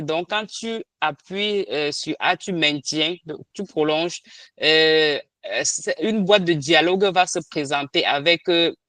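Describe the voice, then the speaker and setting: A man's voice: a little high, sharp tone, no echo. A man leading an online training session, explaining a keyboard step by step, hesitant with many restarts and fillers. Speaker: language trainer.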